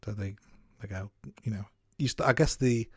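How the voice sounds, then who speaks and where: A man co-hosting a podcast, giving measured, note-by-note commentary on a film. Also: fairly low pitch, slightly rough, dry recording, studio quality. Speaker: podcast co-host. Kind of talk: casual film review chat.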